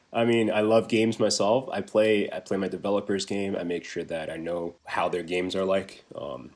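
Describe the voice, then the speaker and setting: Answering interview questions from home over video, the young Taiwanese man, a business development manager, has a low-pitched, slightly mellow voice with a steady tone and moderate pace. His manner is chatty, with plenty of fillers and restarts.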